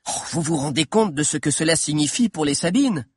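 A man's voice: a little high, expressive, a little fast, husky, no echo, clean studio sound, pitched above the performer's own voice. A man voicing a timid, bespectacled teenage boy historian who lectures nervously, in an audiobook. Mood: storytelling. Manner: nervous lecturing storyteller, growing bolder. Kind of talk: audiobook character voice.

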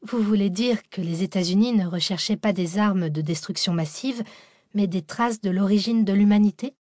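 A woman's voice: medium pitch, moderate pace, mellow, dry recording, studio quality, close to an everyday voice. A woman voicing a curious young female researcher who asks wide-eyed questions.

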